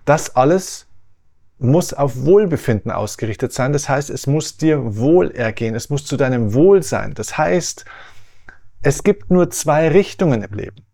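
A man's voice: medium pitch, expressive, a little slow, creaky, mellow. Man explaining health, rhetorical questions. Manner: didactic, repeats and rephrases, asks rhetorical questions with "ja?". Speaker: podcast host. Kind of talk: explanatory health podcast monologue.

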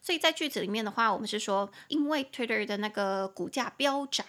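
A young woman hosting a chatty podcast English lesson, explaining words slowly and repeating them. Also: medium pitch, animated, a bit bright. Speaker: podcast host, English teacher.

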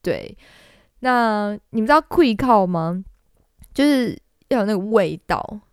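A woman's voice: medium pitch, animated, a little slow, smooth, no room sound, studio quality. A woman, hosting a casual singing lesson in a playful, chatty way. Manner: playful, chatty, often laughs and demonstrates. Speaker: podcast host teaching singing.

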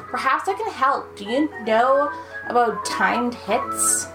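A woman putting on a bubbly valley-girl mushroom boy who drawls each line out very slowly, with halting, amateur-sounding delivery. Music plays clearly behind the voice. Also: fairly high pitch, animated, rough recording. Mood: breezy valley girl. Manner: halting, self-consciously amateur voice acting. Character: hapless male mushroom helper in a valley girl voice. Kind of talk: comedic live game dub.

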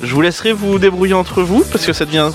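Brief: young male podcast host, high voice, playful banter, music in the background. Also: quick pace. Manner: joking, laughs often, playful intros.

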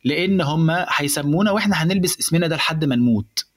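A young man with an Egyptian accent, explaining in casual chat how to build a stand-up joke, animated and mixing in English words. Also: a little high, racing. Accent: Egyptian Arabic.

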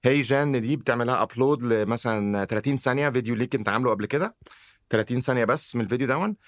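A man with an Egyptian Arabic accent talks very quickly in casual podcast chat. His voice sits in the middle range and is recorded dry and close. He laughs easily and slips English phrases into his speech. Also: medium pitch, no room sound. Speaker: guest, tech company founder. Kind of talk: casual conversation.

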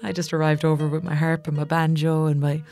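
West of Ireland woman, slightly creaky voice. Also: sits low, level tone, brisk, darkish tone. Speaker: musician and songwriting teacher. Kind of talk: casual personal storytelling.

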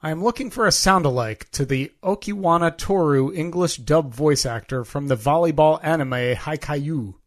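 A man's voice: on the high side, normal speed, hardly any pauses. Man in his thirties, playful podcast banter. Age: 30s. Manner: playful, self-mocking banter. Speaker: podcast co-host. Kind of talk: casual comedic chat.

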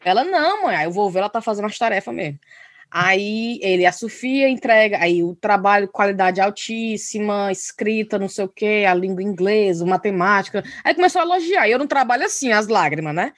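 A woman's voice: medium pitch, fairly quick, no room sound, studio quality. A woman co-hosting a podcast in casual chat, telling stories animatedly and laughing often. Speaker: podcast co-host.

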